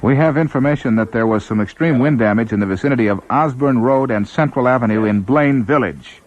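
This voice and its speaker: American male news anchor, live storm coverage, measured and informal, dull 1960s AM sound. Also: medium pitch. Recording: muffled 1960s AM radio broadcast.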